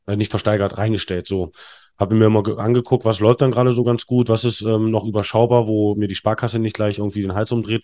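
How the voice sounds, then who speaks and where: With a fairly low, darkish voice, a man in his thirties shares candid stories as a podcast guest. He rambles, using lots of fillers and starting over often.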